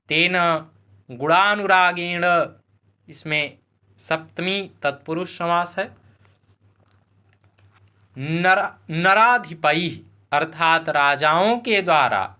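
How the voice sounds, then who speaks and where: A man teaching Sanskrit, slowly glossing a classical verse word by word. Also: sits high. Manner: slow, measured word-by-word glossing; chants verse slowly and louder. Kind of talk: explaining a classical verse line by line.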